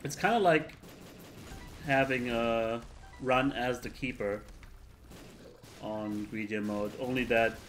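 A man's voice: mid-range voice, slow pace, pauses often, fairly bright tone, soft background music. A man giving laid-back, meandering live commentary on a video game he is playing. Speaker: let's player.

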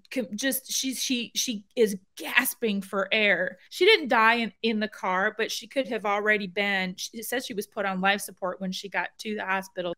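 Bright-voiced woman, indignant. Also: medium pitch. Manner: indignant, emphatic. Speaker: vlog host. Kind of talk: commentary on video clips.

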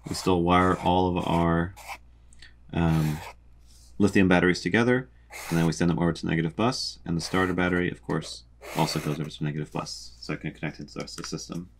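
A young man calmly explains a boat's electrical wiring while drawing a diagram, methodical, with frequent ums. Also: low-pitched, fast, gravelly, a little hiss or hum. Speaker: sailing vlogger explaining a boat electrical system.

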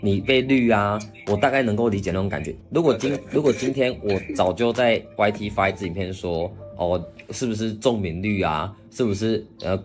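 A man's voice: on the low side, brisk, few pauses, faint music behind. A man leading a casual discussion on a group voice call.

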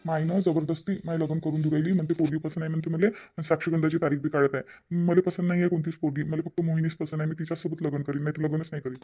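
A man voicing a gentle, lovesick young village man in a cartoon family drama, speaking in a soft, pleading way. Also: fairly high pitch, little pitch movement, rapid-fire, few pauses, close to an everyday voice. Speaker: cartoon character. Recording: muffled with background music.

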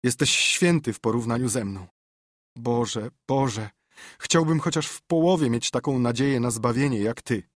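A man voicing a scared, superstitious young boy in an audiobook, talking in a hushed, fearful whisper. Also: medium pitch, moderate pace, breathy edge, dry recording, clean studio sound, lightly acted. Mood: despairing.

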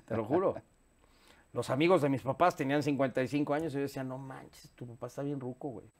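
A man in his fifties with a Mexican accent, talking candidly as an interview guest, animated and swearing freely, recorded on a lapel mic in a studio. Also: medium pitch, fairly quick. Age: 50s. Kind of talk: casual interview chat. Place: studio set with sofa.

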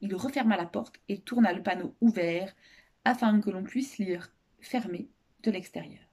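A woman reading a children's novel aloud as a storyteller, expressive and lively, raising her voice for the characters' shouted lines. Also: moderate pace. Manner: expressive, raises pitch for shouted quotes.

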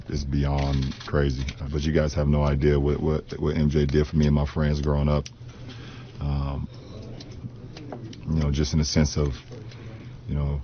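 A man speaking haltingly at a locker-room press conference, with many fillers and repeated words, recorded on press microphones. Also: a bass voice. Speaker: basketball player at postgame press conference. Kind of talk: emotional press conference remarks. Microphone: press mics in front. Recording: muffled broadcast audio with crowd noise.

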